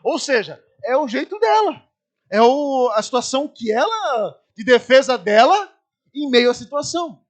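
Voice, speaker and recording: Brazilian pastor, very high male voice, animated storyteller who acts out scenes from the pulpit. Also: measured pace. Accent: Brazilian Portuguese. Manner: lively anecdotes, acts out screaming people. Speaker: preacher. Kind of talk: storytelling sermon.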